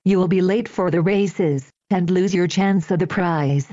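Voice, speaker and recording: A woman's voice: on the low side, a little slow, mellow, no room sound, muffled recording, lightly acted. A woman voicing impatient, selfish boy cousins in a storybook. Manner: impatient and urging.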